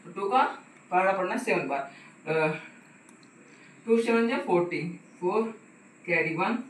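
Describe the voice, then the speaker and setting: High, bright-voiced man tutoring in an echoey room. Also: measured pace. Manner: patient, repeats "ठीक है" and asks the viewer questions. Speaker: math tutor. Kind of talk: casual step-by-step math lesson. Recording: echoey room, voice from a distance, faint hiss.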